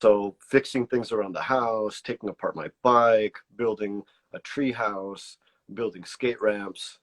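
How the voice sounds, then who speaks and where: Unhurried and lowish, this voice belongs to an artist born in Mexico, a native Spanish speaker. In a relaxed interview he talks in English with a slight border accent, a Spanglish-flavored pocho American English, pausing to find words and frequently starting over.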